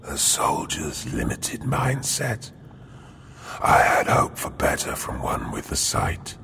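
A man voicing a sinister adept merged with an alien hive, speaking in a slow, breathy, gravelly whisper that rises into cries. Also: low voice, wildly swooping pitch, pushed and bright, full character voice. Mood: gloating whisper. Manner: slow, hissing, gloating, rising to cries. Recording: noisy background.

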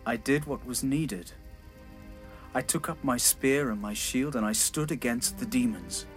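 A man voicing an ancient elf king whose calm, sharp anger swells into shouts, in a dramatized fantasy audiobook. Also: medium pitch, a little slow, soft background music, lightly acted. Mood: grim anger. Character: ancient elf king, grief-stricken, raging, proud.

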